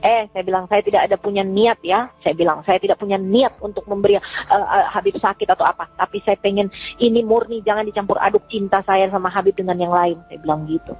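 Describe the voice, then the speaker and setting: Agitated woman on a leaked phone recording, husky, tinny line. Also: medium pitch, fast talker, soft background music. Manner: agitated, animated, quoting both sides. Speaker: woman recounting a phone call.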